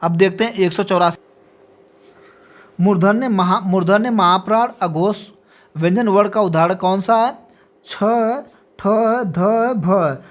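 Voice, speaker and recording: In this exam practice lecture, a woman teacher speaks at a medium pitch, unhurriedly and with long pauses. She reads out multiple-choice questions with their options, then confirms every answer with a short "ठीक है" check.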